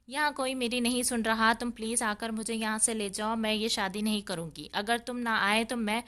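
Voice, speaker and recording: Desperate young bride-to-be, pleading and tearful, smooth clear high voice, read by a woman narrator. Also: fairly even intonation, sharp tone. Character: desperate young woman fleeing a forced marriage.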